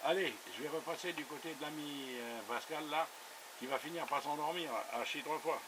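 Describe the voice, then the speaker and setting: Speaking a little fast in a fairly high voice, this man chats casually over a two-way radio as an operator, dropping in plenty of little verbal tags. The radio transmission buzzes with noise.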